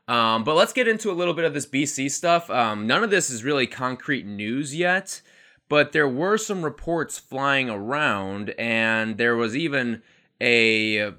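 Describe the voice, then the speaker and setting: Co-hosting a laid-back sports podcast, a man in his twenties talks in a bright, forceful, mid-range voice. He rambles, keeps it chatty, and laughs at himself.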